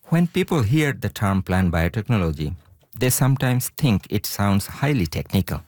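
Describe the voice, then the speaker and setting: A man from Bangladesh, a researcher guest on a radio interview, speaking haltingly with many fillers. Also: on the low side, very animated, a little mellow, no echo, clean studio sound.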